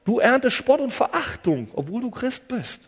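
Guy preaching a sermon, highish voice going all over, long echo like a big church hall. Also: big pitch swings, normal speed, breathy edge. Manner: dramatic, swings between hushed low phrases and loud emphatic cries; repeats phrases for emphasis.

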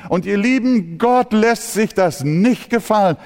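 Speaking unhurriedly in a high, somewhat dark voice, this man delivers a fervent sermon as pastor. At times he imitates churchgoers grumbling, all within a long hall reverb.

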